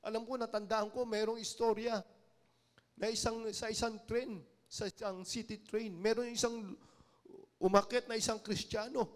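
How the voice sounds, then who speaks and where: Filipino lay preacher, high-pitched man, sermon storyteller, dips quiet then swells loud. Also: level tone, normal speed. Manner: storytelling, acting out quoted voices, swings from hushed to loud. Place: church.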